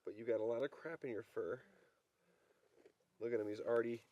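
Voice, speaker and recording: A man vlogging casually from a wilderness campsite, chatting in a relaxed way and gently coaxing his dog. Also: mid-range voice, brisk, lo-fi sound. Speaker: outdoor vlogger. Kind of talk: casual vlog narration.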